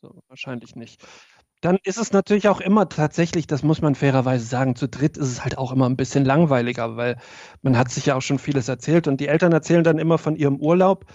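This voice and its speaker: A man's voice: mid-range voice, fast talker, a little mellow, dry recording, highs cut off. A man co-hosting a podcast, chatting casually in a rambling way. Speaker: podcast co-host. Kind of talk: casual chat.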